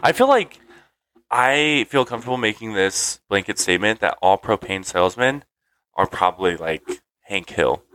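Bright-voiced casual podcast host, man. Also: fairly low pitch, animated, normal speed, rough recording. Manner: loose, playful, swears often. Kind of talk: casual chat.

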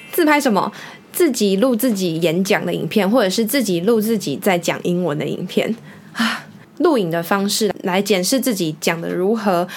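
A woman, an English speaking teacher explaining study methods step by step in an upbeat podcast lesson. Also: medium pitch.

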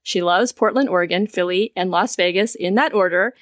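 A woman's voice: on the low side, a little fast, no echo, studio quality. A woman hosting a podcast, speaking in an easy, conversational way. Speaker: podcast host. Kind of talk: casual chat and prepared guest introduction.

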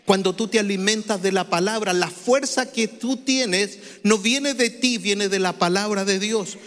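A man preaching to a congregation in a high voice. He calls on the listeners to repeat key phrases after him. The sound rings with the long echo of a large church hall. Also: unhurried, a bit bright. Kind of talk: sermon. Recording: reverberant hall.

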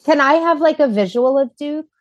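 A woman hosting a podcast interview, a gentle, encouraging listener. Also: sits high, moderate pace, no echo, dull audio. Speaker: podcast host. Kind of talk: interview chat.

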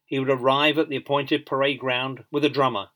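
A man reading a biography as scripted audiobook narration in a measured storytelling manner. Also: mid-range voice, level tone, fairly bright tone.

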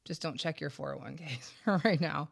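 A woman's voice: low-pitched, normal speed, vocal fry, slightly rough. A woman hosting a true-crime podcast, telling the story conversationally with wry, sarcastic asides, congested and short of breath from a head cold. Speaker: podcast host.

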